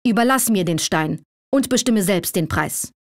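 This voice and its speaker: A woman's voice: animated, moderate pace, no echo, lightly acted. A woman reading as a stern, hot-tempered old sultan. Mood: pleading. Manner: commanding, booming outbursts. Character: stern aging male sultan, proud and quick to rage. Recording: dry close recording.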